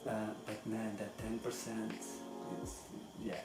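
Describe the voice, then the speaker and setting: A man's voice: fairly low pitch, monotone, a little slow. A man hosting as a teacher, chatting casually and reading comments aloud in an earnest, emphatic manner with rhetorical questions. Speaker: massage teacher and channel host. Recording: echoey room with background music.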